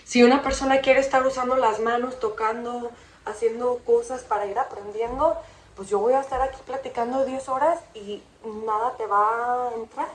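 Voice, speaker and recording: A woman's voice: a little high, steady tone, normal speed. A woman hosting her own podcast, talking casually and earnestly to her listeners and slipping between Spanish and English. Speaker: podcast host. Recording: echoey room, rough audio quality.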